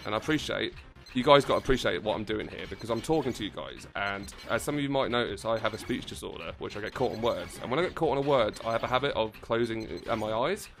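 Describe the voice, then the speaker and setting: Brief: male gamer, low-pitched, rambling excitable stream chatter over game music, close mic. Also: fast talker, vocal fry. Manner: excitable, rambling, swears casually. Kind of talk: casual livestream commentary while playing. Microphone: close desk mic. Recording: game music playing behind.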